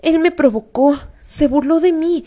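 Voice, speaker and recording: A woman's voice: high-pitched, unhurried, dark tone, pitched above the performer's own voice. A woman voicing a jealous older boy who talks back in a defiant, whiny way. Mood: protesting.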